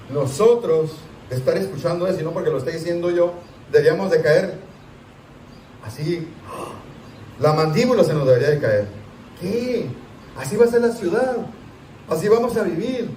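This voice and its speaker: A man, a pastor, teaching a Sunday school class in a conversational, animated way, asking his listeners rhetorical questions. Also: fairly high pitch, slight background noise. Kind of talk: sermon teaching. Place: church hall. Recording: echoey church room, distant mic.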